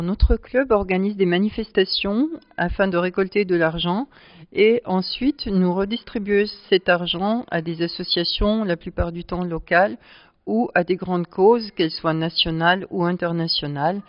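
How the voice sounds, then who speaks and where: A woman who presides over a charity club, answering interview questions at length and pausing often to find her words. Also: lowish voice, dry recording. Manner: explanatory, speaks at length with frequent hesitations. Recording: dull lo-fi sound.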